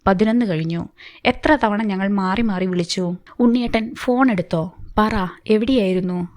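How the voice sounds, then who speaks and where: A woman's voice: mid-range voice, moderate pace, a little mellow, close to an everyday voice. A woman reading the part of a worried wife and mother who keeps questioning her husband. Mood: upset. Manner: pleading, probing.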